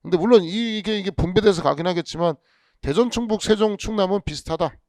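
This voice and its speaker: Man, exam instructor, casual lecture, gravelly, rhetorical questions, dry close sound. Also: sits high, fast, a little mellow, no room sound. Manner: chatty, rhetorical questions, frequent restarts. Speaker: police exam law instructor.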